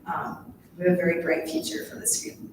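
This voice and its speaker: A woman's voice: lowish voice, sing-song, a little fast. Young woman moderating in an echoey room. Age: around 20. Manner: friendly, many ums, restarts. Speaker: conference coordinator and moderator. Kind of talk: panel moderation. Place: small conference room. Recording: echoey room from far off with noise.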